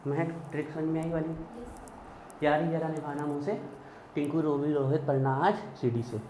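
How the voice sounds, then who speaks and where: A man's voice: fairly high pitch, steady tone, normal speed, warm tone. A man teaching chemistry in a classroom lecture, chanting mnemonic lists in a sing-song rhythm. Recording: echoey room, dull lo-fi sound, faint hiss.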